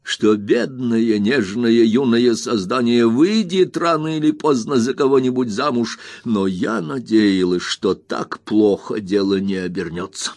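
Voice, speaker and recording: A man reading aloud, voicing a stern and indignant elderly aunt who scolds in slow, emphatic phrases. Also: medium pitch, darkish tone, no echo, studio quality, lightly acted. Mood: indignant scolding.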